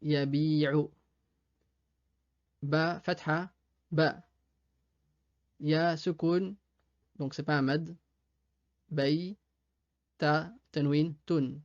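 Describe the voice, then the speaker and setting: A man's voice: on the high side, steady tone, very slow, pauses often, lo-fi sound. A male teacher giving a reading lesson, patiently spelling out sounds letter by letter. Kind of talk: slow step-by-step reading lesson. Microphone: desktop USB mic.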